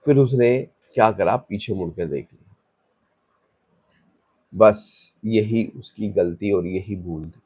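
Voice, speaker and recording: Low-voiced man telling a ghost story. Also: slow pace, long pauses, a little mellow, slightly rough, no room sound. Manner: loose, conversational retelling with restarts. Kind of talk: casual spoken horror story.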